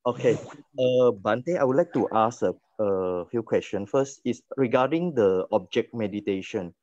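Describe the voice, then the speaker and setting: A man's voice: medium pitch, normal speed, darkish tone, no echo. A man on an unstable online call connection asks a meditation teacher questions, hesitant and searching for words. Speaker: meditation student asking questions. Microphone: video call. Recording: dull, dry lo-fi video call audio.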